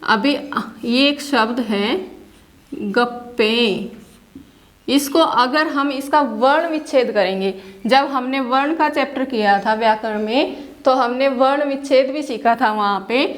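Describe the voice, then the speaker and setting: High-voiced teacher explaining patiently. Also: female voice, measured pace. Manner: explains patiently, asks questions and answers them herself; mixes English words into Hindi. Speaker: school teacher. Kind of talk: classroom lesson.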